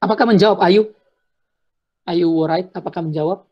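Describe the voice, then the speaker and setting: A man's voice: high-pitched, normal speed. A man giving earnest sermon-style answers on a video call, repeating words and slipping in English phrases. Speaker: speaker answering questions. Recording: dull lo-fi video call audio.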